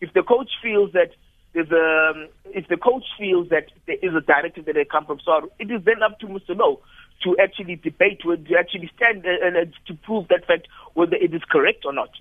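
A man talks through a tinny phone line. He is a radio guest who argues in a measured way and often restarts his phrases. The line sounds dry and close. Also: sits high, no room sound. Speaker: studio guest commentator. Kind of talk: radio talk analysis.

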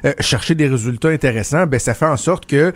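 With a medium-pitched voice recorded dry, a man talks a little fast in a Québécois French accent. The political commentator chats casually on radio, storytelling through frequent restarts and repeated words.

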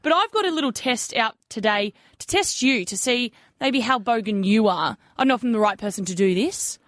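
A woman with a broad, slightly rough Australian accent, bantering casually and playfully as a radio co-host. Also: fairly high pitch, expressive, brisk, dry recording, studio quality. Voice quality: a little rough-sounding. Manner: playful, self-deprecating, colloquial. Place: radio studio.

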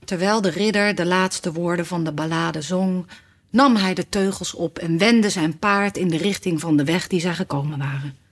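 A woman narrating a children's classic as an audiobook in a calm, measured storytelling voice. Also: fairly low pitch, slightly rough.

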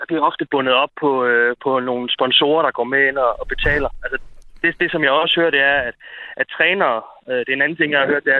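A man, an amateur football coach, talks as a radio guest and pauses often with fillers and restarts. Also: medium pitch, a little hiss or hum. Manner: hesitant, many fillers and restarts. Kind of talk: radio phone-in interview. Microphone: telephone. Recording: tinny phone line, dry.

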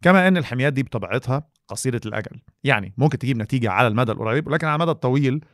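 A man's voice: medium pitch, lively intonation, racing, fairly bright tone, no echo, clean studio sound. A man with an Egyptian Arabic accent, co-hosting a podcast in a partly scripted presenting style. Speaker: co-host.

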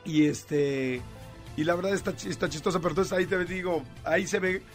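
A man with a Mexican accent hosting a radio show, telling a story in a lively way with lots of fillers. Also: high-pitched, fairly quick, soft background music. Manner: animated storytelling with many fillers. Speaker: radio host. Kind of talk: casual radio chat.

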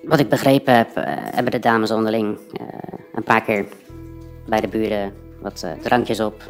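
A man speaking as a witness in a courtroom, his voice disguised by a deep pitch-shift effect, halting with frequent pauses. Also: fairly even intonation, gravelly, faint music behind. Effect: voice disguised, pitched far down.

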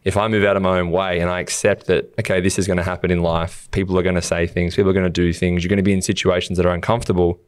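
An Australian man co-hosts a casual motivational chat in a deep, steady voice that barely rises or falls. His tone is smooth and clean, recorded close and dry with no room sound. He talks earnestly and slips into quoted lines of his own. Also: very fast, few pauses, dry recording. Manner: earnest, acts out quotes of himself. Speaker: podcast co-host.

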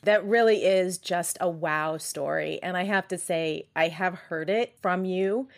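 A woman's voice: lowish voice, unhurried, creaky. A woman hosting an interview, reacting with admiration and asking her guest to walk through the story. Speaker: host.

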